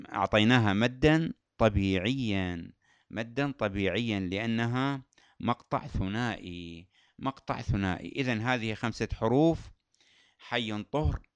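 A man gives a patient lesson on recitation rules, often repeating key terms. His voice is smooth and resonant, and the recording is dry with no room sound. He chants verse examples slowly and melodically. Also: lowish voice, no echo. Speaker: Quran recitation teacher. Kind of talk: tajweed lesson.

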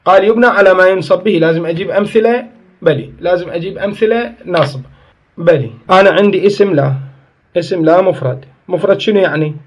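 Speaking quickly in a high, husky voice, a man takes a grammar lesson one step at a time. He answers the questions he raises and fixes his own mistakes partway through sentences.

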